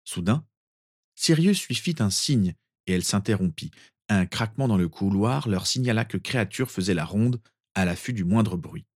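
A man calmly narrating a story with a measured reading. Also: on the low side, no echo, studio quality.

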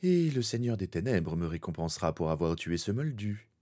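A man's voice: low voice, big pitch swings, normal speed, a little mellow. A man voicing a haughty, cruel young wizard in a fan fiction reading, speaking with arrogant possessiveness.

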